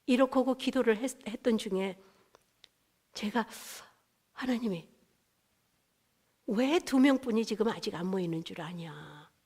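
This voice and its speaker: A woman's voice: medium pitch, expressive, a little slow, long pauses, a little mellow, slightly rough. A woman pastor giving a conversational testimony sermon, asking the congregation questions and dropping English words into her talk.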